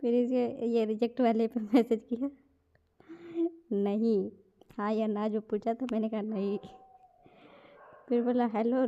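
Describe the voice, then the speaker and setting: A woman's voice: on the high side, warm tone, highs cut off. A young woman vlogger, amused, casually reading out chat messages and her replies.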